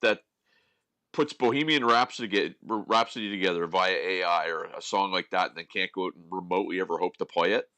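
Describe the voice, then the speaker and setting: A man from Scotia, co-hosting a casual podcast with animated, opinionated rants full of restarts. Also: low-pitched, a little fast, no room sound. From Nova Scotia, Canada. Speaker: podcast co-host.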